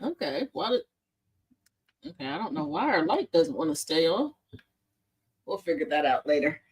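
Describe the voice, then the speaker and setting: A woman's voice: deep voice, big pitch swings, moderate pace. A woman hosting a casual commentary show in a sassy way, often breaking into laughter. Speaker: host.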